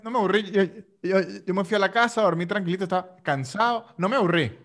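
A man with a Venezuelan Spanish accent hosts a casual podcast chat. His voice sits a little high, and he jokes around and toys with pronunciations. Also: quick pace. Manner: joking, animated, plays with pronunciations. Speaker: podcast host.

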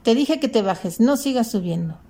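Un chofer de autobús grosero y agresivo, que ordena de malas maneras, con la voz de una mujer que narra. La voz suena algo áspera y apagada. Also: female voice, a little high, animated, normal speed, mellow. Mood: brusco. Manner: brusque, bossy. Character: rude, aggressive male bus driver.

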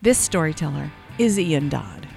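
A woman's voice: sits low, sing-song, moderate pace, gravelly, loud music behind the voice, over a noisy crowd. A woman host introducing the next storyteller at a live show, enthusiastic and chatty. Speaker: podcast host.

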